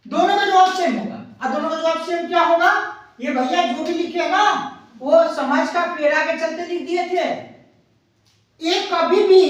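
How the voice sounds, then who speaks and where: High-voiced woman teacher in an echoey room. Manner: repetitive and explanatory, counting numbers aloud slowly. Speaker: maths teacher. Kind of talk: exam-prep blackboard lesson. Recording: echoey room, voice far from mic.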